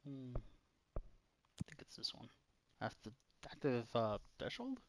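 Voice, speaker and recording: A young man giving relaxed, casual gameplay commentary, thinking aloud as he plays. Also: mid-range voice, slow pace, vocal fry, a little hiss or hum. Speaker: gameplay streamer.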